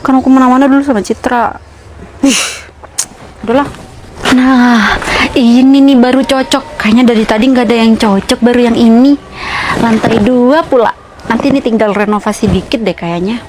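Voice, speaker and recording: A woman acting as a demanding young woman in a short drama film, chatty and pushy, with a somewhat high voice. Faint ambient noise sits behind her. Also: normal speed, lightly acted. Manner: chatty, pushy, talking to herself and on the phone. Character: demanding young woman pressing a sick boyfriend for money.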